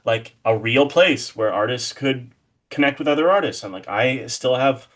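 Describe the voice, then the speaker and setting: A horror artist guesting on a podcast talks casually and with real enthusiasm, putting things effusively. His medium-pitched voice is fairly bright and moves at a moderate pace.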